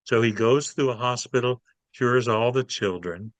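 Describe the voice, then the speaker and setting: A man's voice: mid-range voice, normal speed, no echo. A man, a playwright guest in an interview, telling stories animatedly and acting out his characters. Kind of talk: casual interview storytelling.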